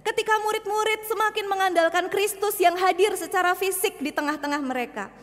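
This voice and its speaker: A woman's voice: extremely high pitch, fairly quick, big-room sound. A woman preaching a sermon, calling her listeners brothers and sisters and acting out anguished questions, with English phrases mixed in. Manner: mixes English phrases into Indonesian.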